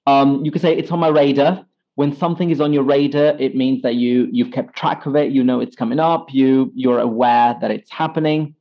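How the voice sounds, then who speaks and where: A man, an English teacher, patiently explaining example phrases in an interview, with lively emphasis on each one. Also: mid-range voice, a little fast, hardly any pauses. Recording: slightly dull lo-fi sound.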